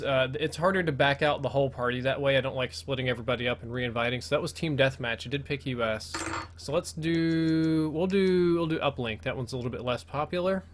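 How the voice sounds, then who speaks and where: An American man doing casual live commentary as the host of a gaming video, his S sounds slipping a little because he wears braces. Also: medium pitch.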